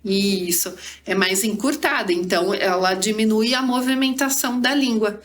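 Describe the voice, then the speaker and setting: A Brazilian woman, a guest speech therapist on a podcast, explains things conversationally in a medium-pitched voice at normal speed. Her manner is didactic, full of tag questions and diminutives, and there is noticeable background noise.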